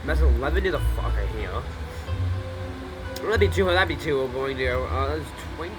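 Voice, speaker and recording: A young man gives casual gameplay commentary, rambling, excitable and quick to swear. His voice sits somewhat high. Game music plays clearly under him. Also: poor audio. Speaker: gaming YouTuber. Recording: voice over loud game music.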